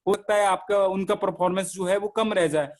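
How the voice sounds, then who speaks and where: A man gives an online lecture, talking in a fairly high voice. He lays out each point carefully, asks the class questions and answers them himself, and drops English terms into his speech. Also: fairly even intonation, a little fast. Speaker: teacher.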